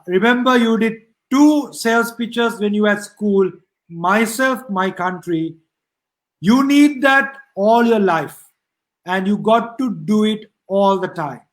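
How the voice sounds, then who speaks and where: A man from Sri Lanka speaks as the guest sales trainer and delivers a rousing closing call. He talks in short, punchy, emphatic phrases. His voice is notably high for a man. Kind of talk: motivational closing message.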